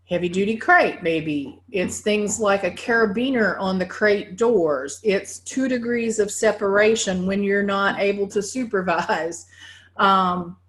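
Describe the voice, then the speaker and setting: A woman dog behavior trainer with a Southern US accent giving a conversational training talk to foster volunteers, often checking in with "right?". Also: medium pitch. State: getting winded.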